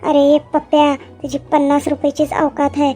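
A scornful cartoon village youth jeers at his friend, voiced by a woman. The voice is high and flat, and loud music plays throughout. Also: normal speed, natural voice. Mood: mocking. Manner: mocking, taunting, scornful. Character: mocking skinny village young man, a teasing friend.

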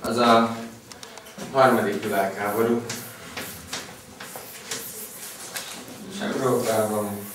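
A man's voice: lowish voice, fairly even intonation, natural voice. A young man with a Hungarian accent playing an eccentric, bossy, easily exasperated history teacher in a comedy sketch, theatrical and abrupt. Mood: excitable. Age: young adult. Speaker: history teacher in a school skit. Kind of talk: comic classroom lecture sketch. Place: school classroom, indoors. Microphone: camera mic from a few meters away. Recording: echoey classroom, distant camera mic, noisy.

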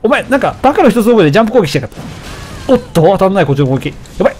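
Animated man doing game commentary. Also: sits high, racing, slight background noise. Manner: animated, taunts enemies, shouts at the game. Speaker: let's play commentator. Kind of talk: casual gameplay commentary.

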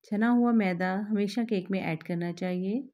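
A woman host, calmly explaining a recipe step by step to her viewers in a voice-over. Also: mid-range voice, moderate pace. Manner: calm, instructive, addresses viewers directly. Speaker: cooking channel host.

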